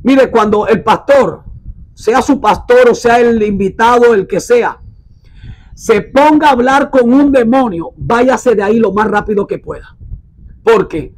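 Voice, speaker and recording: A man preaching a sermon and reading from the Bible, emphatic, repeating phrases and slowing down to stress words. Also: very high-pitched, poor audio. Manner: urges listeners to mark their Bibles.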